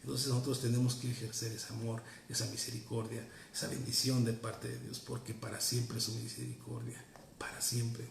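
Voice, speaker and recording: A man's voice: medium pitch, completely flat delivery, moderate pace, vocal fry, echoey room. A man preaching a sermon in an earnest, teaching tone, repeating key phrases for emphasis. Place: church.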